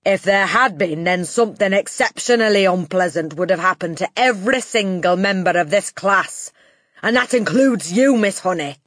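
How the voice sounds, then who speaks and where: A woman voicing a huge, bullying headmistress in an audiobook, booming and barking out contemptuous insults with drawn-out emphasis. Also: animated, a bit bright, dry recording, clean studio sound. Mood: menacing. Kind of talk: audiobook character acting.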